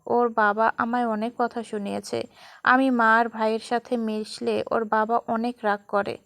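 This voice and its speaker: A woman voicing a sulky, tearful young bride who pouts and pleads in a storybook reading, with a fairly high voice. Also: level tone, measured pace, vocal fry, a bit bright, no echo, clean studio sound. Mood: sulky plaintive. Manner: pouting and plaintive.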